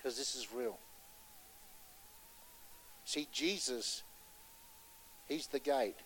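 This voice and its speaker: A man preaching a sermon with passion, pressing his points loudly and then dropping to a hushed voice to tell a story, and putting questions to his listeners. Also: mid-range voice, very slow, slight background noise, low-quality recording. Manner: impassioned, swinging between loud urgency and hushed storytelling; asks the audience rhetorical questions.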